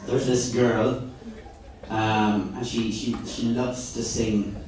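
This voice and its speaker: A man's voice: medium pitch, little pitch movement, slow. A man with an Irish accent performing stand-up comedy at a live show and laughing at his own jokes. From Ireland. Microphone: far camera. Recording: distant echoey noisy camera audio.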